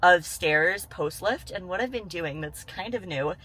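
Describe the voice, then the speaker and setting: A woman's voice: on the low side, expressive, unhurried, a bit bright, rough recording. A young woman in her twenties, a fitness coach, talking casually to camera in a vlog, candid and full of fillers like "like". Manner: chatty, candid, lots of fillers. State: out of breath after cardio. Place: gym, then outdoors by a road.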